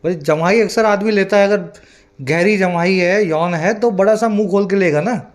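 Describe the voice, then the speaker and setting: Male online English tutor, higher-pitched voice, patient and explanatory, slow deliberate reading of example sentences. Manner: asks the viewer often whether they follow. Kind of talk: vocabulary lesson in Hindi mixed with English.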